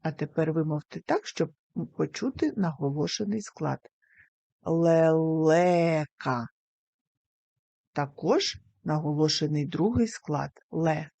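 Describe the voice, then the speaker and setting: A woman teacher giving a recorded lesson to young children, speaking slowly and carefully and sounding out words syllable by syllable. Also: low-pitched, expressive, vocal fry, mellow, no echo. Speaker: primary school teacher.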